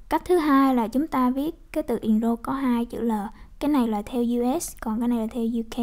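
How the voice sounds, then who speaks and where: High-voiced Vietnamese woman teaching English words. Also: a little mellow. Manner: reads each word three times, slowly stressing syllables. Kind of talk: online vocabulary lesson.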